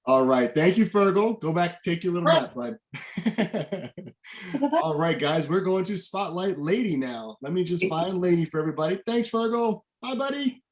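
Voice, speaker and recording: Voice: mid-range voice, expressive, normal speed. A host running a virtual adoption event on a video call, upbeat and talking straight to viewers as guys. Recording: echoey room on video call.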